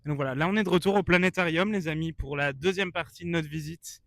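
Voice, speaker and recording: A man's voice: a little high, fast, fairly bright tone. A man chatting casually as a vlogger, informal and mock-earnest as he gives his opinions. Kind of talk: casual vlog chat. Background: faint guitar music.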